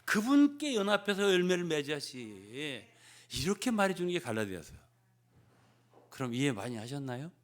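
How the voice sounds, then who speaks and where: Older pastor, animated and prodding. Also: male voice, fairly high pitch, normal speed. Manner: peppers phrases with prodding "예?" to the congregation; animated, swinging between loud emphasis and hushed asides. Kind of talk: sermon.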